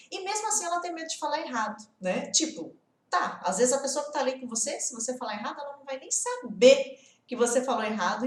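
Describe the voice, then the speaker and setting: A woman's voice: fairly high pitch, darkish tone, echoey room. A woman in her forties teaching an online English lesson in a chatty way, asking the viewer many rhetorical questions.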